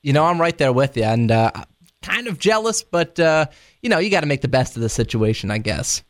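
A radio interviewer with a fairly high, very animated voice talks a little fast. He hosts the interview casually and rambles, full of hesitations and laughing asides.

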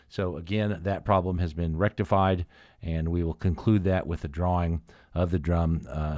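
Male community-news host, deep register, dry sound, deliberate and matter-of-fact semi-formal delivery. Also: a little mellow, no room sound.

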